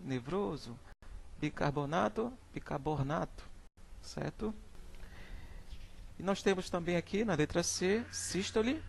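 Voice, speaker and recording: Male brazilian teacher, slightly high voice, gravelly fry, slide lecture, repeats each example word. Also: a little hiss or hum. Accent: Brazilian Portuguese. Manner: repeats example words slowly, adds "né?" and "certo?" checks. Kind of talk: classroom slide presentation on phonetics.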